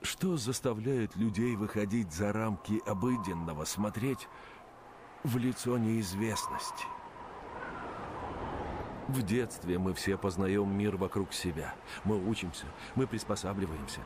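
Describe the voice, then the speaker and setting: An actor as low, reflective narrator. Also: male voice, a little slow, background noise, natural voice. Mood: solemn, reflective. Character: reflective male narrator musing on explorers and truth-seekers. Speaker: narrator of a game intro. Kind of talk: scripted dramatic narration.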